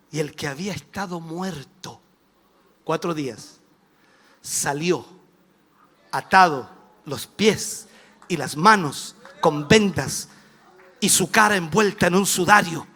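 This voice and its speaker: A man with a Chilean accent preaching a televised sermon as a bishop, dramatic and animated, dropping to a hush and then rising to a shout. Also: sits high. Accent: Chilean Spanish.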